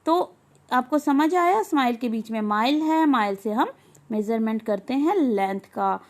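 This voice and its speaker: Slow, high-voiced woman teacher. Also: lively intonation. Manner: slow, patient, asks questions and answers them herself. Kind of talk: explaining an English lesson for young children.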